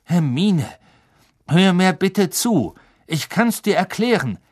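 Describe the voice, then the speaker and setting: A man reading an audiobook, voicing a middle-aged male teacher who speaks with measured, tense restraint. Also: a little high, sing-song, voice pushed up, full character voice. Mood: pleading.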